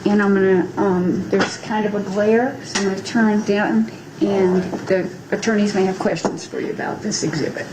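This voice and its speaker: A woman's voice: mid-range voice, fairly even intonation, normal speed, few pauses. Courteous woman judge, noisy room. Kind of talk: courtroom procedural remarks.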